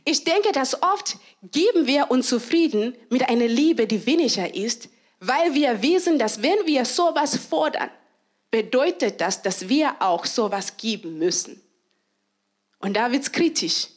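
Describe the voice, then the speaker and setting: Woman preaching a sermon, high voice, slow and deliberate, laughs a lot and acts out the cheering. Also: animated. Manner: slows down for emphasis on key phrases.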